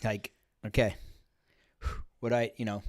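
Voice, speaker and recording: A man's voice: on the low side, little pitch movement, takes it slowly, darkish tone. A man co-hosting a podcast, telling a story in casual chat, rambling with many fillers and restarts. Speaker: podcast co-host.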